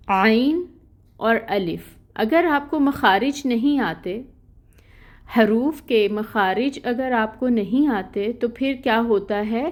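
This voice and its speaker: A woman's voice: on the high side, a little mellow. A woman teaching an online lesson on Quran pronunciation, explaining patiently and often checking in with her students. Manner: patient and explanatory, repeats "theek hai" to check in, demonstrates letter sounds. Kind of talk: recorded lecture on Arabic pronunciation.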